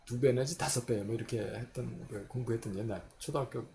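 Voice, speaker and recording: Gravelly-voiced man teaching chemistry. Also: mid-range voice, a little fast, dark tone, slight background noise. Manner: explains step by step, asks and answers his own questions. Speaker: chemistry lecturer. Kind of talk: recorded university lecture.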